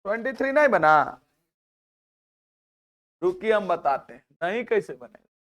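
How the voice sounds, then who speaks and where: A man with a noticeably high voice and a Bihari Hindi accent teaches a math class. He talks in a chatty way, scolds his students and keeps asking rhetorical questions. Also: very animated, a little slow, a bit bright. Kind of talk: classroom lecture with side talk.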